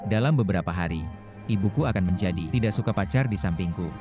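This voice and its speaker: A man dubbing a calm, reserved young adult son in a dubbed TV drama. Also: low-pitched, fast talker, loud music behind the voice, lightly acted. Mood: serious. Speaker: dub actor.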